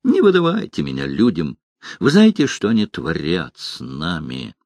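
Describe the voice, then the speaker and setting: A man's voice: sits low, huge pitch swings, normal speed, darkish tone, no room sound, clean studio sound, voice pushed down, exaggerated voice. A man doing a guttural whining shapeshifter. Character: cunning shapeshifting male creature, whining.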